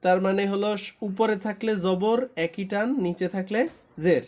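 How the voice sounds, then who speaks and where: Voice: mid-range voice, steady tone, measured pace, a little mellow. A Quran reading teacher in a live class, patiently repeating each syllable for a student to echo back. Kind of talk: live online class, drilling letter sounds.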